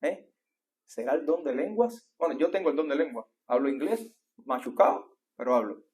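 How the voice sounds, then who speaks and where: Husky Cuban man preaching a sermon. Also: a little high, expressive, moderate pace, darkish tone. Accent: Cuban Spanish. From Cuba. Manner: preaching with rhetorical questions, often asking "¿eh?". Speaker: pastor. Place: church.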